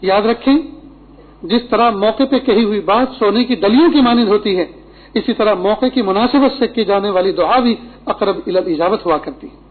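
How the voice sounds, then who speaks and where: A middle-aged man preaching a Friday sermon, earnest and instructive, with Arabic quotations. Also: high voice. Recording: tinny phone-like lo-fi recording.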